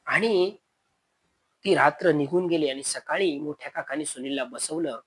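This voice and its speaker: A man's voice: a little high, normal speed, fairly bright tone, husky, poor audio. A man with a Konkan Marathi accent narrating a spoken village horror story, acting out frightened calls to a missing brother.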